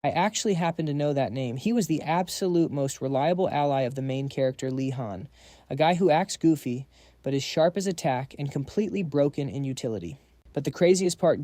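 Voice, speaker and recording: A man putting on a drained, sarcastic young student in a storybook recap, grumbling in slangy asides. The tone is mellow and slightly high, recorded dry and close. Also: fairly quick, dry recording, close to an everyday voice. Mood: exasperated. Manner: exasperated, slangy inner monologue. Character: weary young male student, sarcastic and panicky.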